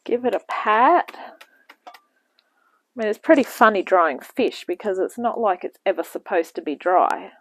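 A woman's voice: mid-range voice, lively intonation, a little slow, a bit bright, husky, rough recording. A woman hosting a home cooking demonstration, talking casually with rambling asides as she works, heard from a camera in a home kitchen. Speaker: cooking show host. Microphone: camera mic, off-screen speaker at the bench.

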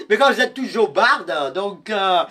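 Bright-voiced man teasing his live viewers. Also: high-pitched, expressive, slow pace. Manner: teasing, mock-insulting viewers by name; theatrical, swings between muttering and shouting. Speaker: live-stream clothing seller. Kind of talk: live-selling stream chat.

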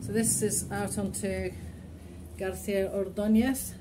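Heavy background noise surrounds a woman estate agent as she walks her phone camera through an empty, run-down townhouse, practically pointing out its features. She talks slowly in a flat, medium-pitched voice, and the bare rooms echo over faint ambience.

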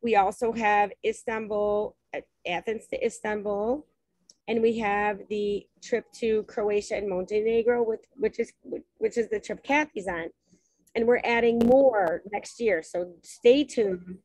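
A woman's voice: mid-range voice, steady tone, measured pace, darkish tone, dry recording, rough recording. A woman hosting a travel webinar on a video call, talking through a shared screen in a chatty way with many ums and restarts. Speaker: host presenting travel packages. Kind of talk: webinar presentation while sharing screen.

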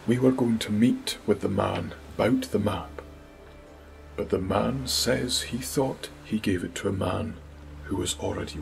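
A timid pirate crewman, voiced by a male storyteller, apologetic and rough in his speech. His voice is low and heavily gravelly, and his words come slowly. He sounds afraid of his captain. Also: exaggerated voice. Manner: apologetic, uneducated dialect.

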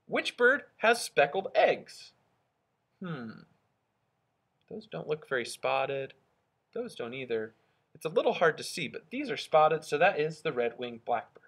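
A male elementary school teacher reading aloud and explaining a lesson to children, expressive and thinking out loud, with a husky voice. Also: mid-range voice. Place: indoors at a school, at a wooden desk.

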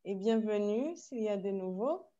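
Woman teacher, explaining slowly. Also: medium pitch, animated, mellow, highs cut off. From France. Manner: slow, careful explaining with asides in Spanish. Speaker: French teacher. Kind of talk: online language workshop. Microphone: video call.

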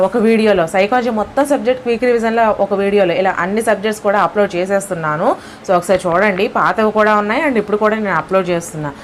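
A woman with a Telugu accent teaches an exam lesson step by step, frequently checking in with "okay?". Her voice is lower than usual because it's early morning, and there's a slight hiss or hum.

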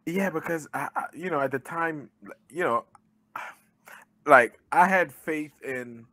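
A man's voice: on the high side, measured pace, bright, forceful tone, no room sound. A man talks in a loose, casual way, full of "you know" and swearing. His voice is dry and close, picked up by a webcam and earbuds in a living room during a video call. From born in Jamaica, raised in Brooklyn. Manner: loose, conversational, swears freely, many fillers. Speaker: guest, army veteran and pro boxer.

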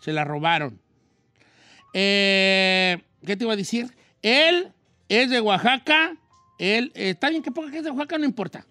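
A man's voice: high-pitched, lively intonation, normal speed, bright, forceful tone, dry recording, soft background music. A man with a Mexican accent hosting a comic radio show, wailing theatrically and joking with his co-hosts. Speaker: radio host.

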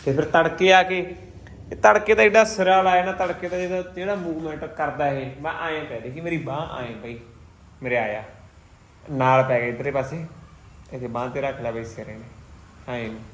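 A man's voice: fairly high pitch, vocal fry, fairly bright tone, poor audio. A man with a Malwai Punjabi accent, chatting casually to camera about his pigeons. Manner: chatty, jokey, talks to boys and pets around him. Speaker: pigeon keeper vlogger. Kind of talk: casual vlog talk to camera.

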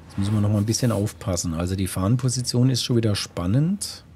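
A man's voice: on the low side, quick pace, warm tone. Musing male gamer with faint noise behind. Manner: musing, talking to himself. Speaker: gamer, let's play host. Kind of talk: casual gameplay commentary, thinking aloud.

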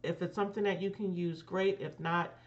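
Low-voiced woman lisping with braces. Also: fairly even intonation, a little fast, lo-fi sound. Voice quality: lisp from dental braces. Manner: careful effort to articulate clearly. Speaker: business consultant, channel host. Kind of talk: casual video recommendation.

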